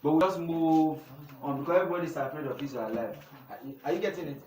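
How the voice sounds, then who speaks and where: A young Nigerian man with a slightly high voice teaches a group indoors, asking questions back to them. He is recorded from across an echoey room. Steady background noise runs under his voice. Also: fast. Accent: Nigerian English. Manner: call-and-response questioning. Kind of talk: teaching a youth class. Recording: echoey room from far off, noisy.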